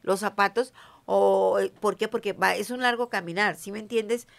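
Steady in tone with some vocal fry, this mid-range voice belongs to a middle-aged Mexican woman speaking at normal speed. She's a self-described witch chatting emphatically in an informal interview, peppering her talk with "¿sí me entiendes?"

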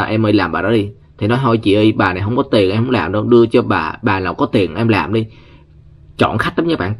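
Vietnamese male vlogger, lowish voice, chatty storyteller who acts out the people he quotes. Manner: chatty, keeps addressing viewers, animated quoted voices. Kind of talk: casual storytelling commentary. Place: United States.

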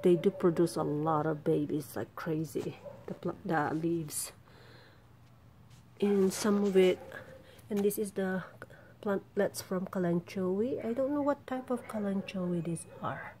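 A woman giving a casual, halting, rambling vlog narration outdoors in a backyard, filming with a handheld camera. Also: fairly low pitch, warm tone. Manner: informal, halting, rambling delivery. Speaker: vlogger showing their plants. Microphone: handheld camera, behind the lens. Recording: outdoor background noise.

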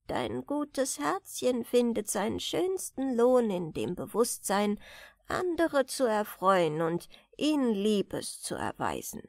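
A woman's voice: a little high, wildly swooping pitch, takes it slowly, dry recording, clean studio sound, exaggerated voice. A woman voicing a kindly frail old spinster. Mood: tender.

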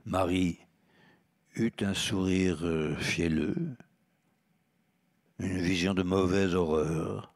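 Deep man's voice, actor, live literary reading, measured, deliberate pacing. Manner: measured, deliberate, corrects his own slips.

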